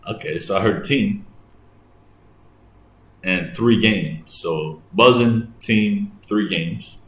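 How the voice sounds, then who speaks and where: A man's voice: fairly low pitch, takes it slowly, a bit bright, echoey room. A man from England with an English accent, hosting a casual explainer video and thinking aloud as he explains. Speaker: host, English teacher.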